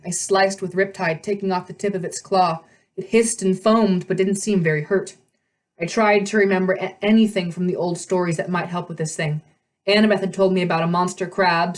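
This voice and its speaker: A woman reading a novel aloud with animated delivery, often stumbling and correcting herself. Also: medium pitch. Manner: animated reading, frequent slips and self-corrections. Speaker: read-aloud host.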